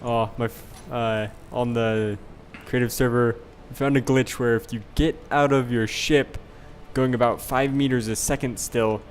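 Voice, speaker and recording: A young man with a middle-pitched voice hosts a game session from home, easygoing and rambling as he recounts his blunders. A faint hum runs under his headset audio. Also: fairly even intonation, unhurried, hardly any pauses. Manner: rambling, easygoing, laughs at his own mishaps. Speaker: channel host and player. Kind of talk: casual gameplay chat.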